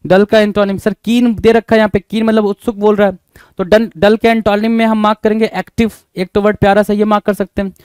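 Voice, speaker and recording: High-voiced man teaching vocabulary. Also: flat delivery, fast talker, a little mellow, clean tone, no room sound. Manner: repetitive quizzing asides. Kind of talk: exam vocabulary lesson.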